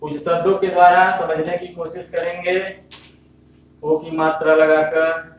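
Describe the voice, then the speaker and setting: A man teaching a lesson to young children, speaking slowly, repeating himself and asking questions that he answers himself. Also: a little high, monotone, lo-fi sound, slight background noise. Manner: slow, repetitive, asks questions and answers them himself. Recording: echoey room, voice from far off.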